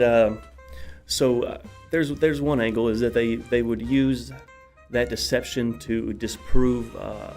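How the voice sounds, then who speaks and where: Male talk show host, breathless and coughing, energetic rambler, soft music under. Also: mid-range voice. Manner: energetic, rambling, many fillers and exclamations. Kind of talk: casual solo talk show monologue.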